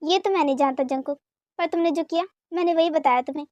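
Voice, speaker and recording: A woman's voice: high-pitched, fast, darkish tone, no room sound, lo-fi sound, close to an everyday voice. A woman voicing an indulgent, evasive young husband who hesitates and stammers in an amateur romantic fan dub. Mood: placating.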